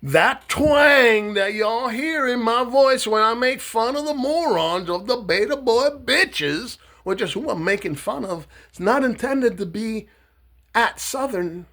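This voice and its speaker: A man from Miami giving a blunt, mocking, swear-heavy political rant to camera, loose and halting with fillers when he explains himself. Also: very high-pitched, expressive, bright, forceful tone. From Miami, Florida. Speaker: political satire vlogger. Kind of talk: profane political rant and monologue.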